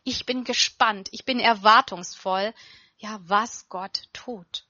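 A woman preaching a sermon in an earnest, emphatic way, slowing down to stress quoted verses. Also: medium pitch, sharp tone, dull audio.

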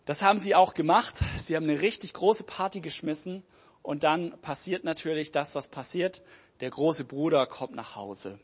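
Husky-voiced man telling a sermon story. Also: fairly high pitch, moderate pace. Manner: animated storytelling, shifting between loud and hushed. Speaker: preacher. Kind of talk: sermon retelling a parable.

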